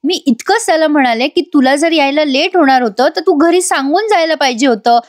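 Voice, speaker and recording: A woman voicing an angry pregnant young wife who scolds her husband with rapid complaints. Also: high voice, pitched above the performer's own voice, close to an everyday voice. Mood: angry complaining.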